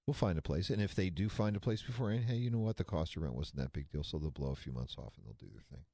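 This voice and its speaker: Low, gravelly and dark, this sixty-something man talks fast with lively intonation. Co-hosting a financial radio show, he keeps things casual with folksy, rambling asides, recorded in studio quality without echo.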